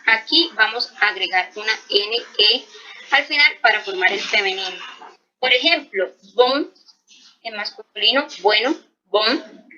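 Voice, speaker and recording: A woman's voice: mid-range voice, expressive, a little slow, pushed and bright, poor audio. A woman teaching French grammar to Spanish speakers, explaining patiently and checking in often. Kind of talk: slow explanatory language lesson.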